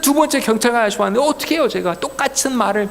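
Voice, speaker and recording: High-voiced pastor in an echoing hall. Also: male voice, racing. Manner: animated, acts out dialogue in different voices. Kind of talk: storytelling sermon at a church retreat. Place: church hall.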